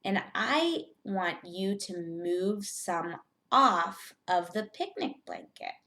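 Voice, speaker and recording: A woman teacher giving a step-by-step math lesson to young children, speaking in simple, deliberate phrases and putting questions to the learners. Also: mid-range voice, huge pitch swings, pushed and bright.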